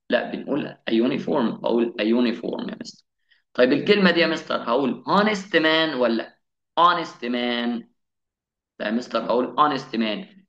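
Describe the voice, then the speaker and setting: A man with an Egyptian Arabic accent gives a classroom-style English grammar lesson. He poses questions to his students and answers them himself, slowing down to sound out each English example. His voice rings in an echoey room and sounds slightly dull and muffled. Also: medium pitch, fairly bright tone. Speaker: English teacher.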